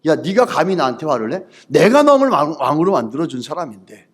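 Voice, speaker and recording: A man's voice: on the high side, big pitch swings, brisk, pitched below the performer's own voice. A male pastor voicing a scheming, indignant ancient general in a sermon, scolding and blustering.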